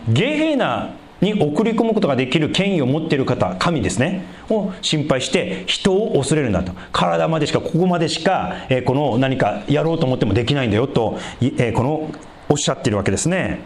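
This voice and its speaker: A man preaching a sermon, asking the congregation rhetorical questions and swinging between loud emphasis and hushed low passages. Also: big pitch swings, brisk, slight background noise. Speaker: pastor.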